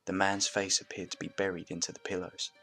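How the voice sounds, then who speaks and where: A man reading a story aloud as narrator in a steady, even manner, with faint music behind. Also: low-pitched, a little fast.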